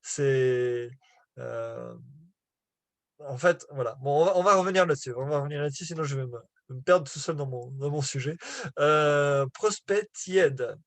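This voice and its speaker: Unhurried and mid-range in pitch, this man's voice comes through a dry recording as he teaches a live online business class in French over slides. He hesitates, restarts and uses many fillers, laughing at himself while apologizing that his French is rusty.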